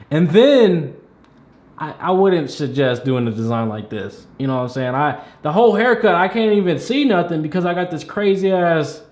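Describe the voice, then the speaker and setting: Higher-voiced man talking casually in echoey room. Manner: blunt, teasing, conversational. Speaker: barber and video host reviewing haircut photos. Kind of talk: casual spoken critique to viewers, slangy.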